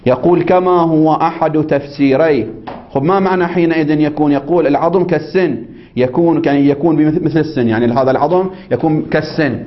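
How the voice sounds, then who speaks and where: Fast and fairly high-pitched, a man reads a religious law text aloud in a seminary lecture and explains it. He often throws prompting questions at listeners to check they follow. It's a dull lo-fi recording.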